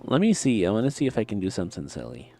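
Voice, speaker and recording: A man's voice: fairly low pitch, huge pitch swings, racing, creaky, mellow. Lisping man rambling on a game stream. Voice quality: lisp. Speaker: live streamer. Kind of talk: casual game stream chat and commentary. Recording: music playing under the voice. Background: background music.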